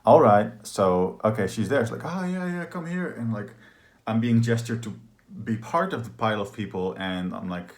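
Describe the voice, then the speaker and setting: A man's voice: fairly low pitch, moderate pace. A man candidly telling a personal story in a rambling, casual way, full of filler words. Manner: candid and confessional. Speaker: trauma healing practitioner.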